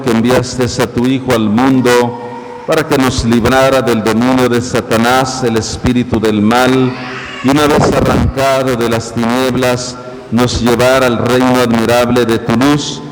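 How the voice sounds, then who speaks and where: A man serving as priest, intoning baptism prayers in a solemn, measured way, his voice ringing with long cathedral-style church echo. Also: mid-range voice, flat delivery. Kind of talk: slow liturgical prayer at a baptism. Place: large church. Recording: echoey church, loud background hiss.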